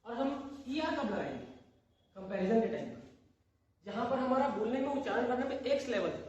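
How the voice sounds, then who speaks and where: A male English teacher giving a classroom grammar lesson. He keeps asking questions and answering them himself, and he repeats words slowly. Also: extremely high pitch, lively intonation, darkish tone, dull audio, a little hiss or hum. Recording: very echoey room, voice far from the mic.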